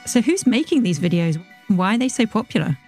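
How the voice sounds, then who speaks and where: A woman's voice: medium pitch, sing-song, fairly quick, darkish tone, soft background music. A woman hosting a podcast, introducing a guest and asking short, inquisitive questions. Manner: crisp, inquisitive. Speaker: podcast host. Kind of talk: scripted interview hosting.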